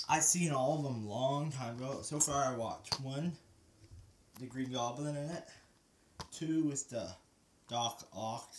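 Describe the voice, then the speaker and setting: A man's voice: mid-range voice, slight background noise. A man vlogging casually to the camera, rambling and hesitant with restarts, somewhat out of breath, recorded on a handheld camera mic. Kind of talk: casual vlog talk to camera.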